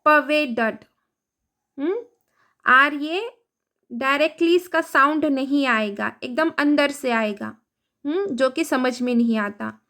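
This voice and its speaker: A woman's voice: high-pitched, slow, pauses often, sharp tone. A woman teaching English vocabulary, saying each word twice before giving its meaning, and often checking in with the listener. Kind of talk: vocabulary lesson.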